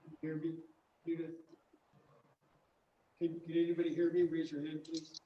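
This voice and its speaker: A man's voice: a little high, completely flat delivery, normal speed, mellow. A man chairing a meeting, his voice muffled and underwater-sounding, as if inside a hollow echo cave, patiently repeating mic checks. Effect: muffled underwater-sounding voice in an echoey hollow. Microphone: room microphone held back from the mouth. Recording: distant, dull, echoey mic with faint noise.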